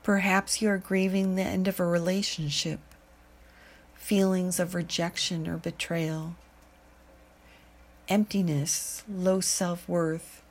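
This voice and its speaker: A woman guiding a meditation, speaking in a calm, soothing way with long pauses. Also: fairly low pitch. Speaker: meditation guide. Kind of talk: guided meditation narration.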